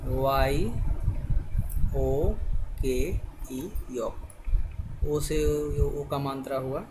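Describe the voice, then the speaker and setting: A man teaching a spelling lesson, spelling words out letter by letter and often pausing to check that the viewer is following. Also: mid-range voice, level tone. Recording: noisy background hiss.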